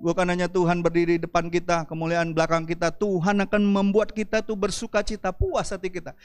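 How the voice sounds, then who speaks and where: A pastor preaches in a fairly high man's voice. He climbs high and loud, then drops low and quiet, keeping the congregation with him, and faint music sits underneath. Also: level tone, quick pace, clean tone. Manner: dramatic preaching with big swings of pitch and loudness. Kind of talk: sermon.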